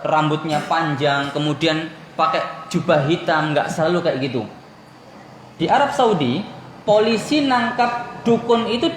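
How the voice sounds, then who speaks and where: A man from Indonesia teaching an Islamic study lesson, asking his listeners questions and answering them himself, telling anecdotes with light laughter. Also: high voice. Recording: echoey room with faint background noise.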